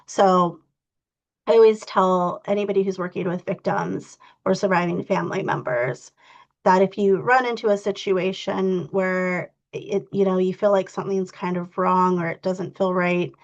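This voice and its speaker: A congested woman with a low, gravelly voice leads an online training session, explaining things in a loose, informal way full of "you know"s. The sound is dull and lo-fi, like video call audio. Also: fairly even intonation, normal speed. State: stuffy, congested. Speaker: victim advocacy trainer.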